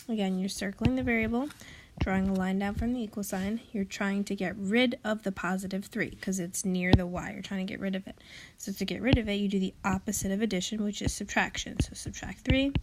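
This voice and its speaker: Recorded in a classroom with faint background noise, a woman teaches math at a medium pitch with a somewhat mellow tone. She goes step by step patiently, filling pauses with frequent ums and sounding a little breathless.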